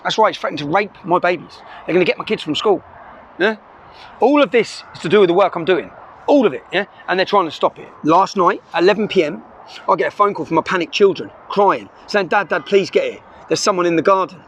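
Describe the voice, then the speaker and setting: Filmed by a camera inside his car, a middle-aged vlogger delivers an impassioned, emphatic address, tacking "yeah?" onto his sentences with urgency. He speaks in a brisk, high-pitched voice, with a little hiss or hum on the recording.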